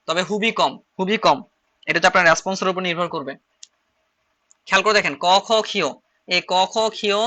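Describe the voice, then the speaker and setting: Male shorthand teacher, Chittagong Bengali accent, high-pitched and quick, repeats phrases while writing. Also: bright, forceful tone. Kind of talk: online class lecture.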